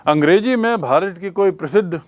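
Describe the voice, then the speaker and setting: A man's voice: high-pitched, lively intonation, a little fast. A man teaching an English grammar lesson, explaining in Hindi mixed with English, repeating his questions and spelling words out letter by letter.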